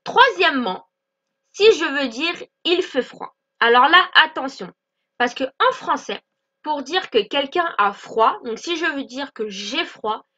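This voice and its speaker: Bright high-voiced woman teaching English. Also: muffled recording. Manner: clear, explanatory, repeats example phrases slowly. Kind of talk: online language lesson.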